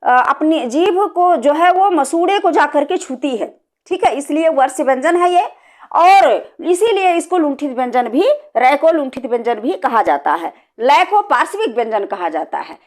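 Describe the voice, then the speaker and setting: A woman with a high voice teaches an exam-prep Hindi grammar lesson. She goes through each answer option step by step. She keeps circling back to the key terms and checking in with the class. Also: lively intonation, normal speed. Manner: explains step by step, repeats key terms with frequent "ठीक है".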